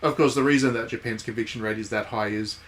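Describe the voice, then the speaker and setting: This man talks quickly in a medium-pitched, slightly bright voice with fairly even intonation. He's streaming a game and giving casual, chatty live commentary, reading the game text aloud and tossing in wry asides.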